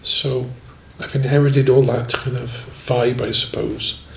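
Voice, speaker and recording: A man in his sixties reminisces about his life in music, rambling easily and leaning on "you know". His voice sits at an ordinary middle pitch. It rings a little in an echoey room. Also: level tone, unhurried, vocal fry. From Swansea, Wales. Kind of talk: relaxed autobiographical chat.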